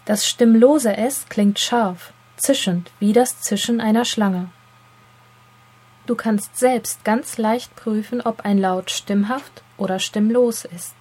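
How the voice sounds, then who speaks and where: A woman narrating a scripted lesson, speaking to the learner in a clear, deliberate explaining tone. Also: mid-range voice, darkish tone. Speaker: teacher.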